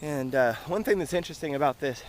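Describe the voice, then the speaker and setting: A man's voice: a little high, quick pace. A man talking casually to his vlog while out running, his voice jogged by the movement. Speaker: running vlogger. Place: outdoors, on the move along roads. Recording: noisy outdoor recording with wind and traffic.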